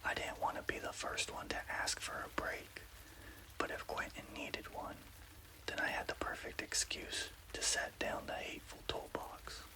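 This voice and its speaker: A man narrating a scary story as ASMR in an unvoiced, breathy whisper, with careful scripted delivery. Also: moderate pace, low-quality recording.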